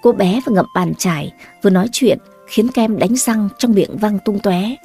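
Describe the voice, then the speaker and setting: A woman narrating a scripted story in an even storytelling manner. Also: medium pitch, normal speed, breathy edge, faint music behind.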